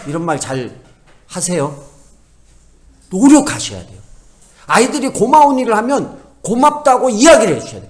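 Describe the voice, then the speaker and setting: A middle-aged man preaches a sermon with a voice a little higher than most men's, rising and falling in a wide, animated arc. He swings from loud, pressing emphasis to quiet asides, and now and then slips into short bits of everyday family talk as if speaking them himself. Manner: acts out everyday family dialogue in quoted voices. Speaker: pastor.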